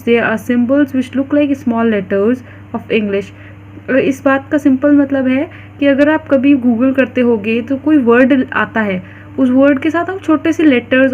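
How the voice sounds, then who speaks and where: A woman teaching an online class, reading English lines slowly and then explaining them in Hindi. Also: high voice, a little mellow. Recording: dull lo-fi recording, faint noise.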